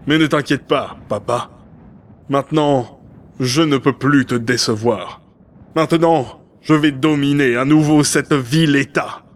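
A man voicing a grandiose, self-adoring male mayor in an audio drama who declaims every phrase as if addressing a crowd. His voice sits at an ordinary middle pitch, steady and full of pomp. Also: unhurried, close to an everyday voice. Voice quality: pompous, declamatory. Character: pompous grieving male city mayor, megalomaniac. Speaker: mayor character. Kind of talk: amateur audio drama acting.

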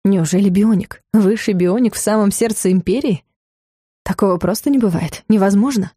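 A woman reading an audiobook in an even, measured manner. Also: medium pitch, slightly rough, no echo, clean studio sound. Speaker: audiobook narrator. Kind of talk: scripted audiobook narration.

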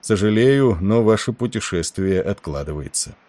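Man reading calm ship's captain, measured, commanding, deep voice. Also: no echo, lightly acted.

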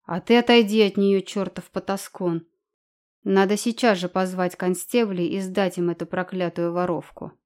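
A woman narrator voicing a shrill, abusive, jealous townswoman in an audiobook. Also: steady tone, moderate pace, darkish tone, close to an everyday voice. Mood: furious. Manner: screeching, abusive.

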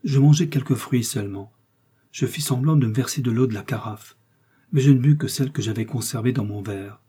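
A man's voice: mid-range voice, a little fast, mellow, breathy edge. A man reading an audiobook, voicing a defiant, vengeful young noblewoman in an impassioned, dramatic way. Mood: tense.

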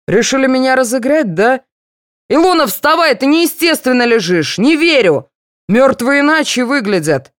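A woman's voice: high-pitched, big pitch swings, moderate pace, no echo, clean studio sound, voice pushed up. A woman reading an audiobook, voicing a nervous, fussy man who leads an amateur theatre troupe. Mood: flustered. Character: flustered anxious male troupe leader.

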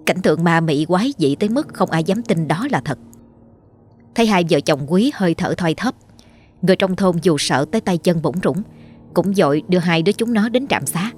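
A woman's voice: lowish voice, animated, brisk, a little mellow. A woman storyteller giving a dramatic, scripted horror narration. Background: faint music.

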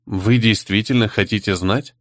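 A man reading the part of a composed young woman who answers an interrogation calmly and with pointed defiance. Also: on the low side, no echo, studio quality, lightly acted. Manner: calm, measured, pointed.

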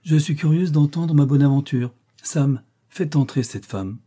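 A man's voice: mid-range voice, fairly quick, dark tone, pitched above the performer's own voice, natural voice. A man voicing a haughty, imperious young noblewoman in a storybook reading. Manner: commanding, scornful.

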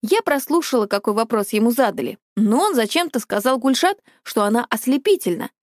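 A woman narrates a first-person story with a wry, expressive delivery. Her fairly high voice moves in a lively way through each line. The recording is dry and close. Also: a little fast, no room sound. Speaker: audiobook narrator.

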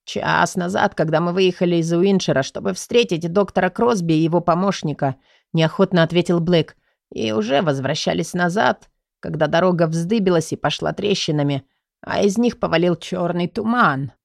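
A woman voicing a panicked, stubborn grey-haired male investigator who shouts and mutters frantically. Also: high voice, expressive, normal speed, gravelly, dry recording, studio quality. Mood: shaken.

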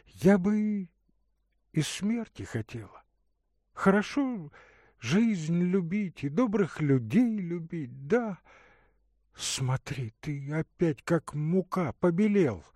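Voicing a gentle young woman who nurses a sick man, a male reader uses a high, lively voice and a soft, singsong lilt, acting it heavily. He takes his time, and the close, dry recording suits the tender mood.

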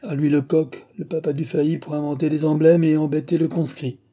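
A man voicing an eager army quartermaster clerk who banters in a lively, approving way, in an audiobook reading. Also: a little high, a little fast, pitched above the performer's own voice.

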